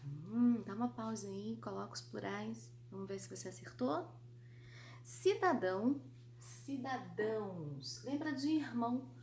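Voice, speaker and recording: A Brazilian woman gives an online grammar lesson, playful and lively, with a fairly high voice. She talks straight to her students with affectionate nicknames. A faint hum sits under the recording. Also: a little slow. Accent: Brazilian Portuguese. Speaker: Portuguese teacher.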